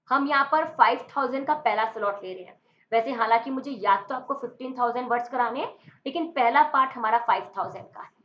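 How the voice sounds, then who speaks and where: A woman's voice: a little high, fairly bright tone. A woman teaching English vocabulary for exam prep in a chatty, playful way, mixing in English words and explaining memory tricks. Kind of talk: online exam-prep lesson. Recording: dull lo-fi recording.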